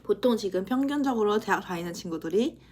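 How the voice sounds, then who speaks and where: A woman in her twenties, a university student, chatting casually to the camera in a vlog, self-teasing and quick to laugh. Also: mid-range voice, expressive, darkish tone, breathy edge. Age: 20s.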